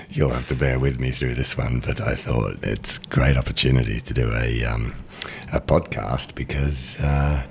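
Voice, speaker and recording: A man co-hosting a casual podcast, hoarse after losing his voice, talking slowly and haltingly in a very low register. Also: a little mellow, slight background noise. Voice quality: gravelly. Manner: slow, halting, strains when going higher. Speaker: podcast co-host.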